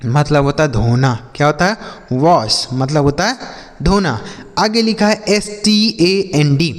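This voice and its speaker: High-voiced teacher in a reverberant room. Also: male voice. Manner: explains step by step, repeats his own questions and answers them; addresses students as kids and brother. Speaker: English teacher. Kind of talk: classroom-style phonics lesson.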